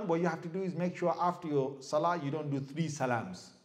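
A middle-aged man giving a lively sermon as an Islamic preacher, asking the audience questions and acting out crying babies. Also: a little high, fairly quick. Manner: animated, asks the crowd questions, mimics crying babies.

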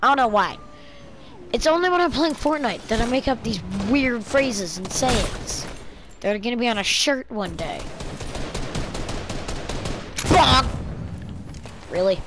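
A woman's voice: a little high, animated, normal speed, background noise. A woman giving casual, goofy commentary while playing a video game, exclaiming often. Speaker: gamer streaming her play. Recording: game gunfire over the voice. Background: video game gunfire and clicks.

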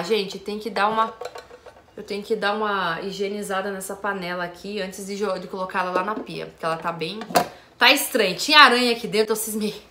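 A woman's voice: on the high side, sharp tone, echoey room. A woman vlogger chatting casually to her viewers while sorting her small basement kitchen, full of friendly asides. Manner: chatty, frequent "gente" and "né" asides. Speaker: home organizing vlogger. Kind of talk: casual chat to camera.

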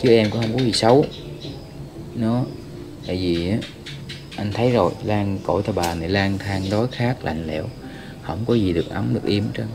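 A man hosting a ghost-hunting vlog, earnestly and gently persuading a spirit. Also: lowish voice, moderate pace, pauses often, a crowd in the background. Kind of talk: talking to a spirit.

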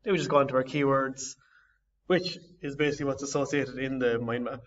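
A young man presents his design project, often pausing and restarting as he searches for words. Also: mid-range voice, steady tone. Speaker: design student. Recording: slightly distant, dull lo-fi audio.

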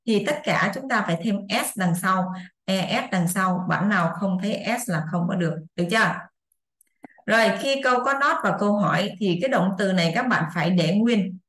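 A woman's voice: mid-range voice, normal speed, fairly bright tone. A woman, an English teacher explaining a lesson in a chatty way, repeating examples and checking that her students follow. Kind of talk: casual online lesson explanation. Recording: roomy echo.

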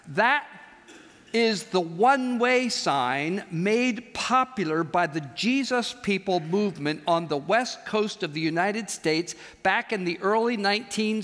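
An older man preaching a chapel sermon on a large auditorium stage, animated and gesturing, slowing into emphatic pauses. He speaks into a headset mic. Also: high voice, long reverb tail.

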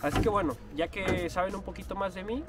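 A man's voice: sits high, fairly quick, far from the mic, over loud music. A young man in his twenties with a Mexican accent, chatting casually and slangily to camera while sitting in a rowboat on a lake. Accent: Mexican Spanish. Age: 20s. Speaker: vlogger. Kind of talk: casual vlog chat. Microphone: action camera at arm's length.

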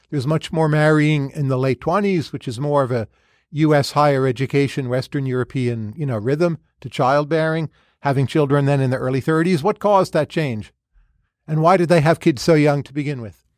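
A man hosts an interview show, setting up each question with his own observations before asking it. His voice sits a little high for a man. The recording is very dry, with no room sound. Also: moderate pace, a little mellow, no echo. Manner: curious, probing, lays out observations before asking. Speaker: podcast host.

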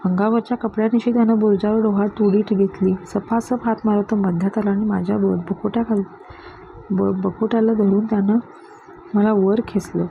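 Gravelly-voiced woman reading a story. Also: mid-range voice. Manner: steady, measured reading. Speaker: story reader. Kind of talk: storybook narration. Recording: dull lo-fi with faint hiss.

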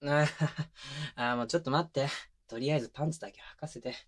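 Close to a binaural mic, a man plays a teasing, doting young boyfriend babying his exhausted, clingy girlfriend in an intimate ASMR roleplay drama addressed to the listener. He talks casually and playfully at a quick pace, slipping into bits of baby talk, sounding flustered and playful. His mid-low voice is lightly acted.

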